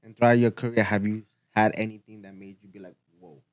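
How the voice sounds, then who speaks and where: A man's voice: lowish voice, flat delivery, fast, dry recording. A man from Ecuador hosting a casual podcast, asking loose questions packed with "like". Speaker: podcast host.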